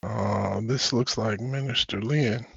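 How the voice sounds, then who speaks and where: A man teaches scripture on a live call-in Bible study, short of breath and very unhurried. His delivery is halting and deliberate, broken up by throat clearing. The audio is dry and dull, with muffled low fidelity. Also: fairly bright tone, no room sound.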